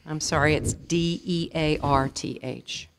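A woman serving as a spelling bee pronouncer in a school auditorium, saying each word slowly and deliberately and reading out definitions. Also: low voice, steady tone, noisy background. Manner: slow, deliberate, repeats each word clearly.

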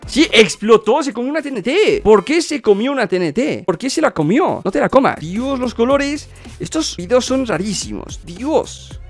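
A young man gives excited reaction commentary. His voice sits high and swings widely, full of exclamations and repeated words. Soft music plays underneath. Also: moderate pace, few pauses. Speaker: reaction video host.

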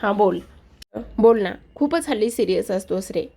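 Teasing, coaxing middle-aged mother with a gravelly edge, voiced by a woman narrator; chatty and playful. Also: mid-range voice, animated, normal speed, dark tone.

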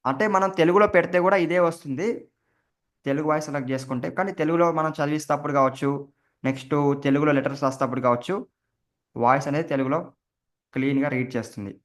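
A tech tutorial host walks through a step-by-step screen recording, casually explaining each keystroke as he presses it. His voice is on the high side and steady, and he talks very fast.

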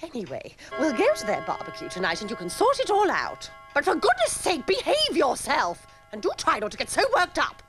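A sensible, scolding wife in a cartoon. Her voice is high and leaps about. Music plays behind. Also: wildly swooping pitch, a bit bright, heavily acted. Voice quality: brisk, scolding. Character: brisk sensible wife, middle-aged.

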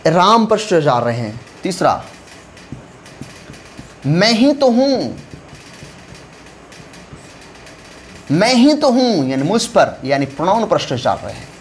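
A man's voice: on the high side, a little hiss or hum. Emphatic man teaching grammar, repeating terms. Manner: emphatic, repeats key terms, drills students. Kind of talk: classroom lecture mixing Hindi and English.

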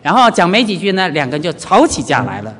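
A man, a Buddhist monk, giving a lively dharma lecture and acting out everyday scenes. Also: on the high side, fast. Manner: animated, urges listeners to pay attention, acts out everyday scenes. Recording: reverberant hall.

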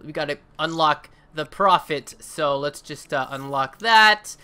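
A man hosting a gaming channel, talking through his loot openings with excitable, hyped commentary that builds up every unlock. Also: on the high side, a little slow, clear, resonant tone. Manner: excitable, hypes up each unlock. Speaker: gaming YouTuber.

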